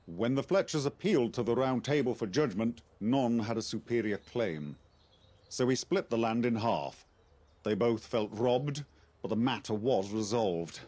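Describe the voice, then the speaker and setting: A man playing a composed knightly officer in a game, speaking formally and deliberately as he recruits and instructs. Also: medium pitch, expressive, a little mellow. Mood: grave, measured. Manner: formal, measured, articulate. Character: measured Arthurian knight-officer recruiting an outsider to investigate. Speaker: quest-giving game character. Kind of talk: scripted game dialogue.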